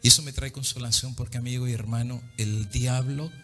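A man preaching a dramatic sermon, swinging between loud and hushed, slipping into English now and then. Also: mid-range voice, steady tone, brisk, faint music behind.

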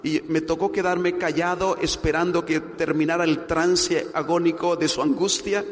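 A man with a Colombian accent, a pastor preaching a sermon and telling stories, acting out the voices of the people in them and rising in pitch and loudness. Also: steady tone, normal speed. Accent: Colombian Spanish. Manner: acts out quoted voices, swells in pitch and loudness. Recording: long hall reverb.

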